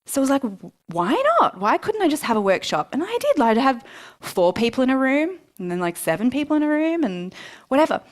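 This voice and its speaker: Woman, live motivational talk, high voice, very animated, chatty and self-mocking. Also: a little fast. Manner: lively, chatty, self-mocking, quotes herself in asides. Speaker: speaker at a book launch event. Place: event room before a live audience.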